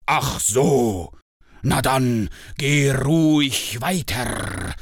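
A man voicing a gruff, slow-talking male dragon in a storybook reading. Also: medium pitch, animated, a little hiss or hum, voice pushed up, heavily acted. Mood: easygoing.

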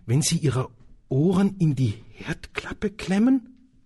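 A man's voice: on the high side, very animated, slow, dark tone, husky, voice pushed up, full character voice. A man reading a storybook aloud and voicing an earnest young boy wizard who asks urgent, puzzled questions. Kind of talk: audiobook reading.

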